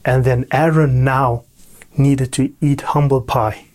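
A male preacher who speaks very slowly and deliberately, leaning on repeated phrases for emphasis. His voice sits at an ordinary pitch for a man. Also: steady tone, a little mellow. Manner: slow, deliberate, emphatic repetition. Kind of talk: sermon with scripture reading.

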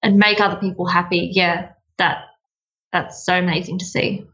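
A young Australian woman chats casually as an interview guest, bubbly and giggly, drawing out words for emphasis. Her voice is lowish and a bit bright, with a flat delivery at a moderate pace. The highs are cut off.

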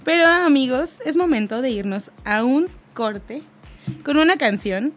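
A woman's voice: sits high, animated, measured pace. A Mexican woman co-hosting a live radio show, chatting and telling stories, laughing often.

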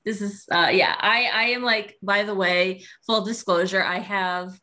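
A woman's voice: mid-range voice, steady tone, a little slow, pushed and bright. A woman with a cold hosting a casual podcast, rambling and laughing often. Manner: giggly, rambling. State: has a cold. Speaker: podcast host.

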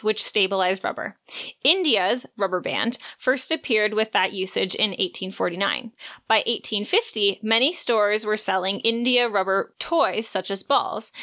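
On a book podcast she co-hosts, a woman moves from friendly discussion into reading a prepared synopsis. Her voice is medium in pitch and a bit bright.

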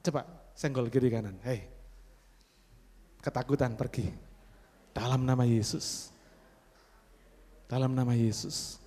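A man's voice: mid-range voice, fairly even intonation, unhurried, long pauses. A man preaching a sermon, telling a story with dramatic bursts and constantly addressing the congregation. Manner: dramatic storytelling with sudden loud exclamations. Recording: long hall reverb.

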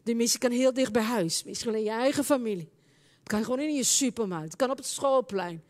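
A high-voiced woman preacher, likely Dutch-sounding plain speech, leading a charismatic church service. Her preaching is fervent and swells into loud impassioned prayer. The voice sits well above usual for a woman. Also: brisk. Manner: speaks in tongues between prayers.

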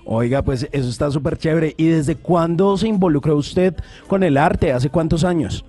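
A man's voice: a little high, moderate pace, warm tone, breathy edge, faint music behind. A man hosting a call-in radio show, upbeat and chatty. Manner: upbeat, chatty, asks questions. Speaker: radio host. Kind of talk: casual radio chat.

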